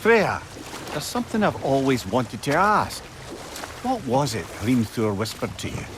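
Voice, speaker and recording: Brief: a wry, teasing old sage head, swooping animated delivery, noisy game audio. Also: male voice, mid-range voice, measured pace. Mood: eager. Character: witty talking severed head, mischievous old sage.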